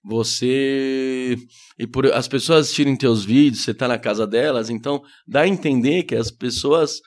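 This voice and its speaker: Shy Brazilian comedian telling stories. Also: male voice, medium pitch, normal speed, a little mellow. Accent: Brazilian Portuguese. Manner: shy, self-deprecating storyteller who acts out quoted voices. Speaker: comedian guest. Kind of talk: casual podcast chat.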